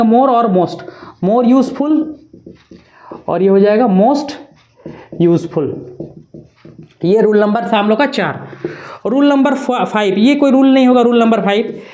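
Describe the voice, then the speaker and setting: A woman's voice: on the high side, mellow. A woman teaching an English grammar lesson, spelling words out letter by letter and checking in with her students often. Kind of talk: classroom-style grammar lesson.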